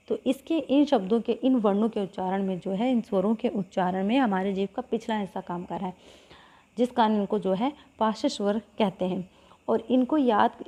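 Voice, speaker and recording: A woman's voice: medium pitch, mellow. A woman teaching an exam-prep lesson, explaining step by step, asking and answering her own questions and drawing out vowel sounds for practice. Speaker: Hindi teacher.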